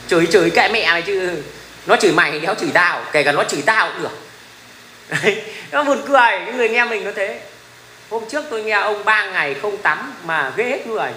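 In an echoey room with a little ambient noise, this middle-aged man hosts a loose, rambling livestream. His voice is high and sharp-toned, and he's blunt, profane, and quick to laugh.

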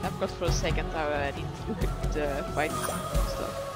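A let's-play gamer giving casual, excitable commentary while playing. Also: medium pitch, normal speed. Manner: excitable, chatty, gushing. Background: game music.

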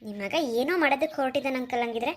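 A woman's voice: high voice, very fast. A woman voicing an eager young woman in a cartoon who coaxes and pleads with an older man. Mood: pleading. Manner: bright, coaxing, pleading. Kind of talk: cartoon voice acting.

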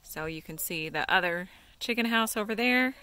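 A woman's voice: medium pitch, normal speed, sharp tone. A woman giving casual, easygoing vlog narration outdoors on a farm. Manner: easygoing, with fillers. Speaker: vlogger.

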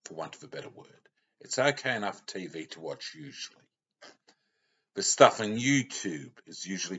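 Here a husky, low-voiced middle-aged man with a fairly bright tone gives a plainspoken, meandering sermon, regularly correcting himself. He is an Australian lay preacher filming in a small room with the webcam up close, and the resulting audio is dull and lo-fi.

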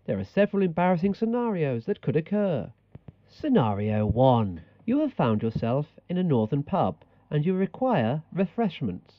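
Man playing a bossy, animated language-tape instructor. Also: on the high side, moderate pace, dry recording, muffled recording. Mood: mock-solemn. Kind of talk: scripted comedy narration.

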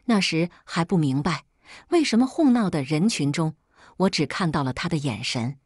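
A woman narrates a first-person drama story in a low, breathy voice with a measured, even delivery. The recording is dry and close, with no room sound. It reads like an audio storybook. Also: no echo.

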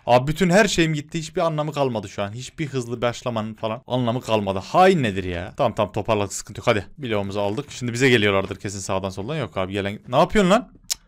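A young man commentating his own Minecraft gameplay, excitable and quick to get annoyed at his teammates. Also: mid-range voice. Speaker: gaming YouTuber. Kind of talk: Minecraft let's-play commentary.

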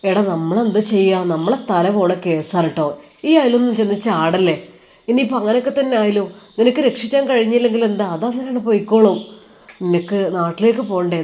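A woman's voice: medium pitch, mellow, lightly acted. A woman voicing a worried young male friend who scolds and coaxes. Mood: worried coaxing. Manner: scolding, coaxing, brisk.

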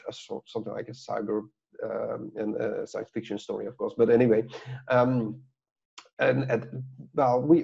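A middle-aged author whose first language is Dutch speaks casually as a guest on a video call from an office with a branded backdrop. He rambles, with many fillers and restarts, in a medium-pitched voice that's creaky, mellow, and slightly rough. Through his lapel mic the call audio sounds dull and lo-fi.

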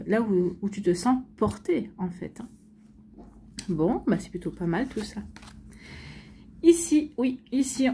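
Speaking at a medium pitch with a dark tone, this tarot reader chats through her weekly astrology card reading for each sign. There's a little hiss or hum in the background, and she leans heavily on fillers, restarts and repeated phrases.

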